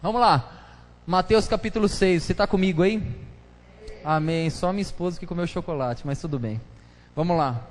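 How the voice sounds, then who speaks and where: A man's voice: sits high, normal speed, long pauses. A pastor preaching a casual, joking sermon full of slang, chatting with his congregation during a live church service. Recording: live church hall reverb, faint noise.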